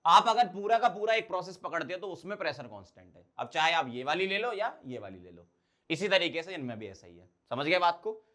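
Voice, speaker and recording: Bright-voiced male chemistry teacher lecturing. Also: high-pitched, big pitch swings, a little fast. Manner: asks students questions and answers them himself; mixes Hindi with English technical terms. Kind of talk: blackboard lecture.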